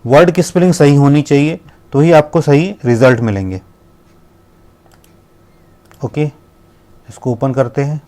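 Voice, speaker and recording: A man teaches a lesson on pronunciation with a warm, relaxed voice. He explains patiently, mixing English terms into his Hindi and drawing out individual sounds of each word. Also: a little high. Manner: explains in Hindi with English words mixed in, slowly spelling out sounds. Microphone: laptop screen recording.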